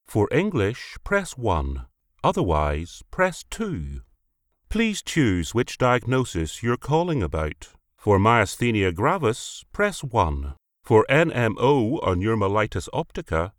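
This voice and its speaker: Low-pitched man as a phone menu voice. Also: no room sound, clean studio sound. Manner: formal, polite customer-service delivery. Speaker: phone system announcer. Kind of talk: phone menu voice, scripted recorded prompts.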